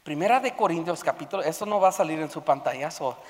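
A pastor preaching a sermon, swinging from loud emphatic bursts to hushed low passages, often repeating words as he searches for the next thought. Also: animated, fast. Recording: long reverb of a large hall.

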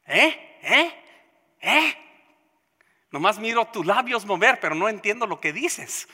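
A preacher delivers a slow, deliberate sermon in a bright voice whose pitch rises and falls widely. He repeats phrases for emphasis and drops to near-whispers between loud declarations. The sound carries a long reverb, as in a church sanctuary. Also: sing-song, breathy edge.

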